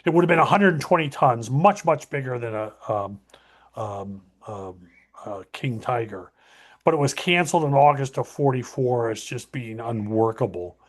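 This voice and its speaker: A man's voice: medium pitch, expressive, normal speed. A man hosting a casual history talk, rambling with many fillers and self-corrections.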